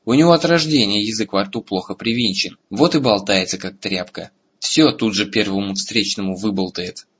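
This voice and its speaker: A man's voice: on the low side, normal speed, few pauses, fairly bright tone, breathy edge, muffled recording. A man playing a blunt, wry young warrior.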